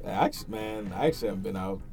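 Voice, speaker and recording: A man's voice: on the low side, very fast, a little mellow, faint music behind. A man chatting casually with friends, playful and laughing often. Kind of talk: casual chat among friends.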